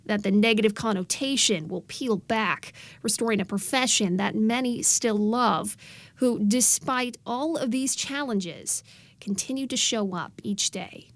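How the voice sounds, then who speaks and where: A woman news reporter reads scripted narration with measured emphasis. Her voice sits a little high, and the recording is dry and close with no room sound. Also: no echo.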